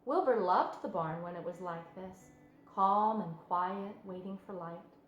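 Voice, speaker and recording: A woman reading a children's story aloud as an expressive narrator. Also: fairly low pitch, measured pace, reverberant, highs cut off, slight background noise. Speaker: storybook reader.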